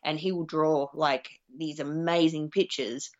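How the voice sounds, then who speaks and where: A woman's voice: low voice, fairly even intonation, a little slow, highs cut off. A woman co-hosting a podcast in casual chat, rambling with lots of fillers and the odd swear. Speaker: podcast co-host.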